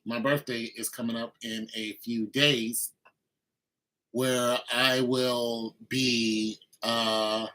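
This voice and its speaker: On a livestream, a laid-back host in his mid-fifties cooks and rambles casually to his viewers. His mid-range voice keeps a level tone and moves very slowly, sounding bright and forceful. The recording is rough.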